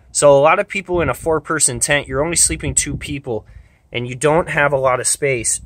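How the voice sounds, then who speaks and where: This is casual outdoor gear talk: a man in his thirties at a campsite speaks into a handheld camera, chatty and plain-spoken, dropping lots of "uh" and "um" as he gives camping advice. His voice is medium-pitched against a noisy background.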